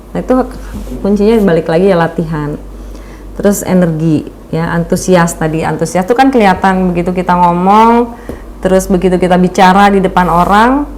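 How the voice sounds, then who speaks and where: Chatty woman giving a webinar talk. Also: mid-range voice. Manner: chatty, uses many fillers and acts out examples. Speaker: webinar speaker on presentation skills.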